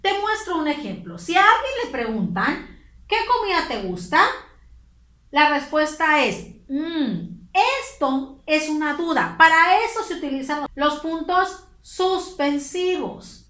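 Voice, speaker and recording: A woman's voice: high voice, sing-song, a little slow, pushed and bright, echoey room. A woman teacher with a Mexican Spanish accent, patiently explaining a lesson to pupils. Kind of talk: online class lesson.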